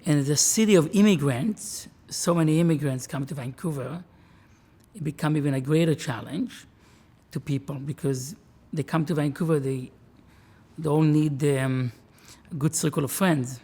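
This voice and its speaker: Husky rabbi in his forties. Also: on the high side, warm tone. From Israel. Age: 40s. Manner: earnest, measured, with restarts. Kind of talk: interview, reflective talk.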